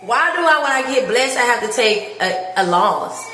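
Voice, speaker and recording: A woman chats on a phone livestream, heartfelt and quick to laugh. Her voice sits a touch high, and it bounces around empty, echoey rooms with a long reverb tail. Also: expressive, pushed and bright, slight background noise. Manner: chatty and heartfelt, often laughing. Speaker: vlogger showing her new apartment. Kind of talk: casual livestream chat.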